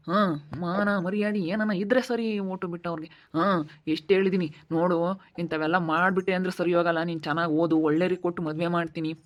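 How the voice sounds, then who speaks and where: A woman's voice: medium pitch, natural voice. A woman playing a furious village father. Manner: scolding, shouting insults. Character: angry stern middle-aged village father. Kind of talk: village family drama acting.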